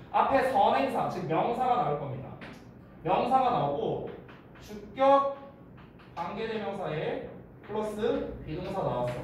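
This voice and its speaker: A man teaching English grammar to a class, talking emphatically and checking often that students follow. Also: sits high. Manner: emphatic, keeps checking students with quick questions. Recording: echoey room, mic far off, noisy.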